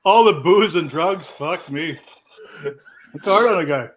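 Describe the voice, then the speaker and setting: A man's voice: on the high side, expressive, measured pace. A man in his fifties chatting and swearing among friends on a video call. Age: 50s. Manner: loud swearing and laughing. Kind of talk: casual banter on a video call.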